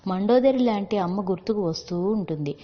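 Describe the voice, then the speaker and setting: A woman's voice: mid-range voice, expressive, a little fast, lightly acted. A woman voicing a devoted male village servant who is grieving, speaking in a pleading, heartfelt way in a storybook reading. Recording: dull lo-fi with long reverb.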